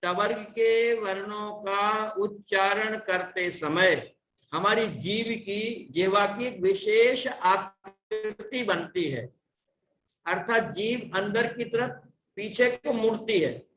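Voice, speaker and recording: Slow, high-voiced man drilling recitation. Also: fairly bright tone, recorded from a distance. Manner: patient, explanatory instruction. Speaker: teacher of a religious class. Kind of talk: online lesson on recitation pronunciation. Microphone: online class audio. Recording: roomy echo.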